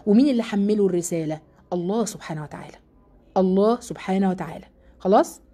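A woman's voice: medium pitch, dark tone. Earnest Egyptian woman teaching Quran. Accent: Egyptian Arabic. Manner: earnest, emphatic, repeats key words slowly. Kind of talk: religious lesson to women.

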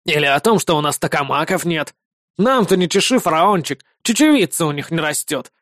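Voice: medium pitch, lively intonation, fairly quick, a bit bright, dry recording, studio quality, lightly acted. A reader voicing a sleazy male street dealer who mocks and wheedles. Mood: wheedling. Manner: wheedling, mocking.

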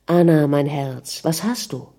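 A woman's voice: low voice, unhurried, warm tone. A woman reading a worried young prince. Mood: tender. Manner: anxious, calling out, then soothing.

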